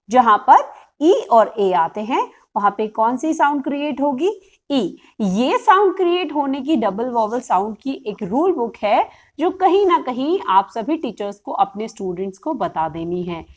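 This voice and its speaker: A woman teaching a phonics lesson, speaking slowly and patiently. She spells words out letter by letter and then blends them together. Her voice sits a little high and swings widely in pitch. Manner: patient, explanatory.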